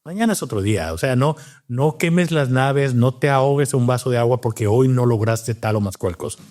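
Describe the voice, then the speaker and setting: A man's voice: medium pitch, brisk, darkish tone. A man from Cuba, a doctor and scientist, telling his story in a casual interview, thoughtful and full of restarts. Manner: reflective, with many fillers and restarts.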